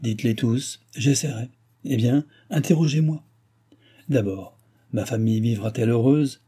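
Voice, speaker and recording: A man's voice: medium pitch, moderate pace, mellow, breathy edge, lightly acted. A man reading aloud, voicing a proud, imperious young princess in a raised voice. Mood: questioning. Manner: haughty, commanding.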